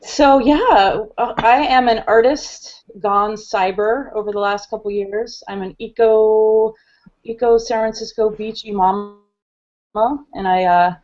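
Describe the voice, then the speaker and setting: A woman with a hoarse voice, a panel guest talking in a breezy, laid-back, playful way. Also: a little high, steady tone, unhurried, darkish tone, muffled recording. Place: home studio. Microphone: video call.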